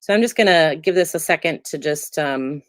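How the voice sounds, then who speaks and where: In this laid-back crafting demo, a woman with a low, somewhat congested voice from a cold that's fading talks at normal speed as she works on a card. She's chatty and loose, full of ums, and the close recording has no room sound.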